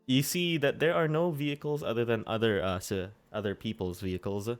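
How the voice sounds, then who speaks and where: A man working as game master, casually narrating a tabletop role-playing game in halting, improvised phrases. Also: mid-range voice, steady tone. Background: background music.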